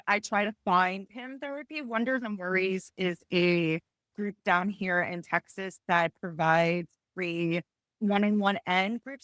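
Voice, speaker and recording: A woman in her forties speaks in a somewhat low voice, close to tears and audibly struggling to keep going. She talks haltingly, restarting her sentences and apologizing. The sound is close and dry. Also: a bit bright, dry recording. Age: 40s. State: tearful, close to crying. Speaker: panelist. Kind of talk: emotional personal testimony on a panel.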